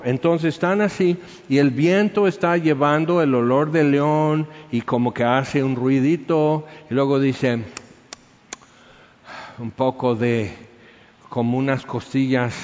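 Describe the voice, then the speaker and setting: A man preaching a sermon, telling stories in a lively way and acting out little scenes as he goes. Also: fairly high pitch. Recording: echoey hall, dull sound.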